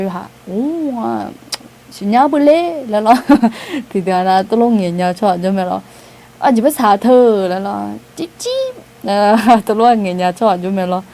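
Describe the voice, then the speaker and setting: A woman's voice: medium pitch, fairly even intonation, normal speed, dark tone. A woman giving an informal, conversational outreach talk to a group, with frequent hesitation sounds and light laughter. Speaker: outreach speaker.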